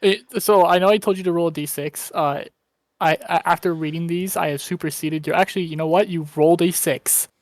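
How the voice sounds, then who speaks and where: A woman narrates a tabletop game as game master, halting often but sounding amused. Her voice is on the low side, and the close mic sounds dry. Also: fairly even intonation, a little mellow, no room sound. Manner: halting, amused, full of ums.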